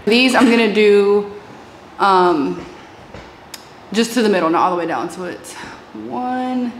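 A twenty-something woman records a casual fitness vlog in her small home gym on a lapel mic, chatty, giggly, and sprinkling in Spanish. Her mid-range voice is slow, and the low-quality recording is reverberant with slight background noise.

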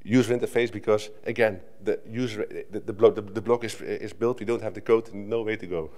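Middle-aged Dutch man, slightly low voice, chatty conference talk at a lectern mic, restarts a lot. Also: steady tone, a little fast, a little mellow. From Netherlands. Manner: conversational, with frequent restarts and filler "right?". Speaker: conference speaker. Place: conference hall stage at a lectern. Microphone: lectern microphone.

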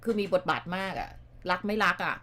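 A woman co-hosting a radio talk show, telling stories in a chatty, animated way with lots of exclamations. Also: a little fast. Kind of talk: casual political chat. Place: radio studio.

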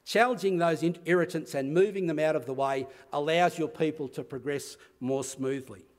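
Australian guy giving a talk at a conference, kinda high voice, earnest, keeps restarting bits. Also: normal speed, big-room sound. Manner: earnest, self-deprecating, frequent restarts. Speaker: conference speaker. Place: conference venue.

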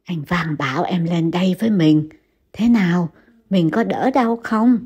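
A woman voicing an anxious young wife, speaking in a pleading, panicky higher voice. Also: measured pace, darkish tone, slightly rough. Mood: soothing.

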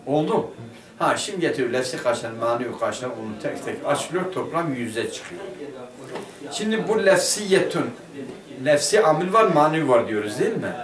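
Male teacher, higher voice, leads a grammar lesson and quizzes the class, heard from across an echoey room. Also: big pitch swings, normal speed, crowd noise. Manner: asks the class questions and answers them himself. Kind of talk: Turkish madrasa lesson explaining a grammar text. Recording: roomy classroom picked up from a distance.

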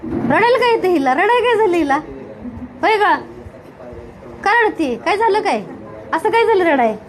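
A woman's voice: very high voice, lively intonation, normal speed. A woman, a video creator, chatting with visitors who came to meet her, teasing and reassuring them and repeating her questions. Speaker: video creator meeting viewers. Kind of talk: casual chat with visitors. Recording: crowd chatter behind the voice.

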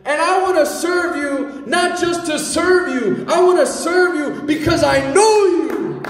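A man in his thirties preaching a fervent sermon into a handheld mic in a large church hall, building to shouts at the high points. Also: measured pace. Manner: fervent, rising to shouts at climaxes. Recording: echoey hall, from far off.

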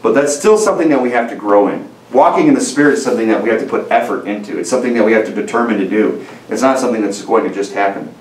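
A man's voice: on the low side, rapid-fire, a little mellow, slight background noise. A man in his thirties preaching a sermon at a lectern, earnest and conversational, with many restarts and "you know"s. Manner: stands at a lectern gesturing with both hands. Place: church sanctuary, indoors, medium room. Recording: roomy church audio from a distance.

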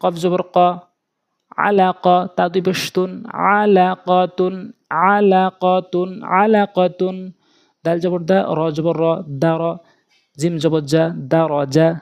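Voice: medium pitch, a little slow. Bangladeshi teacher chanting spelling drills. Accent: Bangladeshi Bengali. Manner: steady, repetitive sing-song spelling drill. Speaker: Quran reading teacher. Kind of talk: recitation drill lesson.

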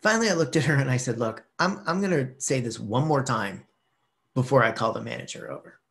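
A middle-aged man tells a personal story to the camera on his own video channel, gesturing lively and acting out quotes. He records on a webcam in a small room at home. His mid-range voice is creaky, and he speaks fairly quickly.

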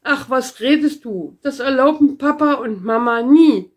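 A woman's voice: sits high, expressive, unhurried. Wistful young boy, read by a woman. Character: earnest young boy, Pippi's friend. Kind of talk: storybook read-aloud.

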